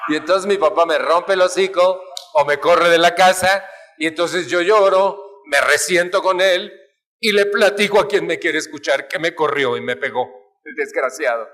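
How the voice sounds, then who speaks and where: A man's voice: a little high, normal speed, a bit bright. A man with a Mexican accent giving a humorous talk to a live audience, playfully acting out family arguments with shifting voices. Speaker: speaker at a family recovery talk.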